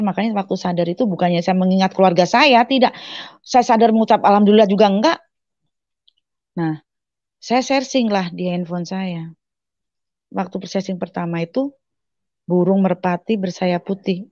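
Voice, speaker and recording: A woman's voice: medium pitch, no room sound, muffled recording. A woman giving a personal testimony in a casual storytelling manner, acting out remembered dialogue with lots of fillers. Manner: animated retelling with quoted dialogue and many fillers.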